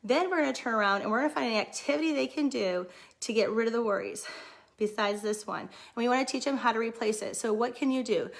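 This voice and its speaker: A middle-aged woman who runs a daycare, chatting casually and excitedly on a livestream. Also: a little high, fast talker, creaky. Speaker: daycare owner.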